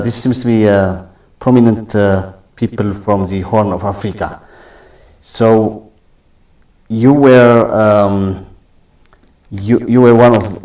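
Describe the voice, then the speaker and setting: A man's voice: on the low side, warm tone, far from the mic. A man hosting an interview, asking questions hesitantly with many fillers and restarts. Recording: roomy echo, off-mic.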